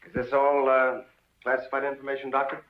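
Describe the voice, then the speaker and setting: A man's voice: medium pitch, monotone, a little fast, lightly acted. A polite but probing FBI man played by an actor in a 1950s film drama. The old soundtrack is muffled and echoey.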